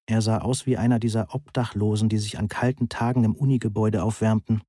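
Ein Mann liest ein Hörbuch in der Ich-Form, trocken und genau erzählt. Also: male voice, lowish voice, level tone, fast, warm tone, husky, dry recording, studio quality. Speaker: audiobook narrator. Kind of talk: first-person audiobook narration.

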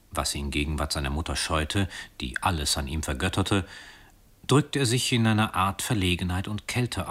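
A man reading a literary story aloud in a calm, expressive way with soft, hushed passages. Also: sits low. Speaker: reader.

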